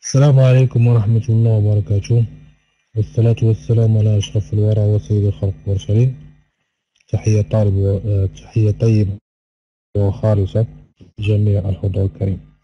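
A man giving a recorded online language lesson, repeating each word slowly and stretching its vowels. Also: fairly low pitch, little pitch movement, dull audio. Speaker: Spanish teacher.

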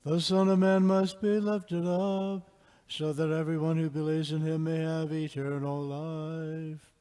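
A man's voice: on the high side, little pitch movement, a little slow, dark tone. Man preaching in long church reverb. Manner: conversational preaching with frequent fillers. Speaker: priest. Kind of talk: chanting the acclamation and preaching a homily. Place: large church.

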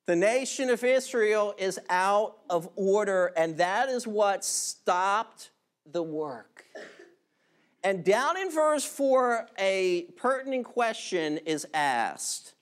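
A male pastor preaching a sermon in an animated, emphatic way, drawing out key words. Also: high voice, slow pace.

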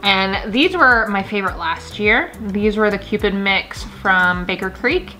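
Soft music plays behind a woman with a mid-range, unhurried voice that sounds pushed and bright. She's a gardening vlogger in her thirties, holding up seed packets and chatting to camera with casual enthusiasm in her indoor home kitchen.

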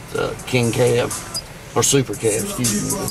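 A middle-aged man, a fan, chatting excitedly outdoors by a truck. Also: medium pitch, moderate pace, creaky, over loud music, poor audio. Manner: excited, keeps saying "oh my goodness". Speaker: fan and subscriber. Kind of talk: casual chat. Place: outdoors by a truck at a gas station.

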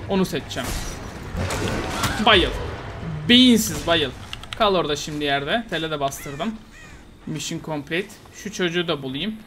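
A Turkish man giving heated, taunting commentary while playing a game, swinging between loud outbursts and muttering. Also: fairly high pitch, noisy background. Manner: excitable, frustrated, taunting, swings loud and quiet. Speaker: gaming YouTuber. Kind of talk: live gameplay commentary.

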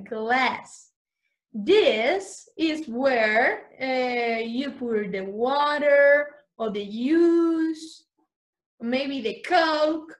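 A young adult woman leads an online English lesson for small children, drawing out each letter as she spells and cheering the class on. Her voice sits high and her pace is very slow and deliberate. She moves back and forth between English words and Spanish explanations. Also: fairly bright tone. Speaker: teacher.

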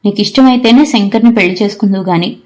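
A woman reading out a gentle, patient young husband in an audio story, in a soft, reassuring manner. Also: mid-range voice, quick pace, close to an everyday voice.

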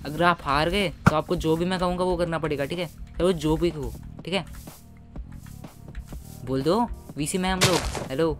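A man doing casual gameplay commentary for his gaming videos. He is chatty and excitable and keeps calling his viewers "guys". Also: fairly high pitch, moderate pace, pauses often, music in the background.

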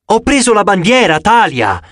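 Stubborn teenage boy, as a man voices him, lively raised voice, heated. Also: sits high, moderate pace, dry recording, studio quality, pitched above the performer's own voice. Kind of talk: audiobook character voice.

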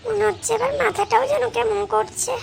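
A woman's voice: very high-pitched, fairly even intonation, brisk, vocal fry, full character voice. A woman voicing a cheeky, sulky little girl in a cartoon, whining and fake crying. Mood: grumbling. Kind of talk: Bengali cartoon voice acting. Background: background music.

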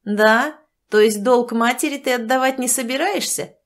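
A gruff, accusing brother, as the woman reading puts him on, blunt and reproachful on the phone with his sister. The voice sits a little higher and louder than the narration. An audiobook figure. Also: normal speed, natural voice. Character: grumpy adult brother, reproachful and evasive.

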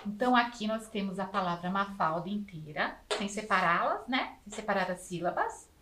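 A Brazilian woman teacher giving a lesson to children, spelling words out slowly and sounding out syllables with exaggerated care. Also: medium pitch, expressive, background noise. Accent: Brazilian Portuguese. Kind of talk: slow, drawn-out classroom instruction for children.

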